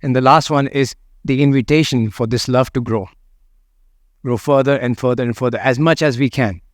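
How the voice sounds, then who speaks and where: Male meditation teacher, mid pitch, gentle and unhurried delivery, dry close-miked recording. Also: dry recording. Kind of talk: guided meditation and talk on loving kindness.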